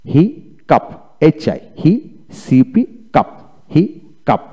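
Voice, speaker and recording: A man teaches a video lecture, saying each word several times and spelling it letter by letter. His voice is dark and mellow, but his pitch leaps up and down as he stresses the words. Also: animated, slow, husky. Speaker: English teacher.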